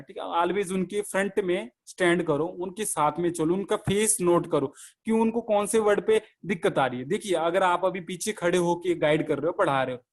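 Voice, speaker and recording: High-voiced male online lecturer. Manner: explanatory, asks and answers own questions, mixes English terms. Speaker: teacher. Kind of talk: online lecture on classroom communication.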